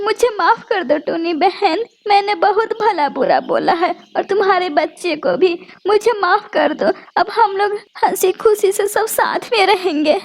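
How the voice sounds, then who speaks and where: A woman's voice: very high-pitched, pitched above the performer's own voice, heavily acted. A woman voicing a proud female pigeon in a cartoon, bossy and scolding. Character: proud female pigeon, haughty then fierce.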